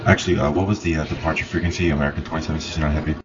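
A male airline pilot talks over cockpit radio in an extremely low voice. The delivery is monotone and casual. The sound is muffled. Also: racing, music in the background. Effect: aviation radio transmission. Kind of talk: radio calls and readbacks.

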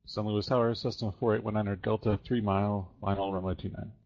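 A man's voice: on the low side, little pitch movement, fast talker, gravelly, a little mellow. A man speaking as a pilot, giving short position reports by radio. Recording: dull lo-fi radio audio.

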